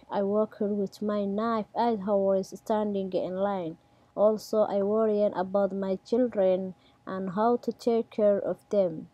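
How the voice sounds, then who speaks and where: A woman in her twenties from Somalia, with a Somali accent, reading her own story slowly and plainly in simple non-native English. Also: mid-range voice, mellow, no room sound. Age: 20s. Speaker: immigrant storyteller. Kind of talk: read personal narration.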